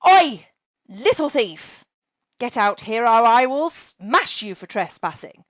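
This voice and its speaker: A woman voicing a grumpy, centuries-old female dragon who hoards books, scolding in a sharp, high voice. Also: very animated, moderate pace, no room sound, studio quality. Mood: snapping. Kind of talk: storybook reading.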